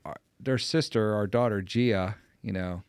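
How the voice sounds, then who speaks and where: Low-voiced middle-aged Pittsburgh-area dad. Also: male voice, a little slow, smooth, no room sound. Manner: animated anecdote teller, voice jumps up when amused. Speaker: podcast guest. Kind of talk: casual storytelling chat.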